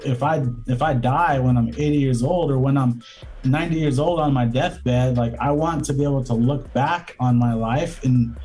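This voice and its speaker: A man's voice: mid-range voice, moderate pace, mellow, faint music behind, poor audio. A man speaking as a guest in a casual interview, reflective and rambling, with many fillers and restarts. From Southern California. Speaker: guest, lawyer and entrepreneur.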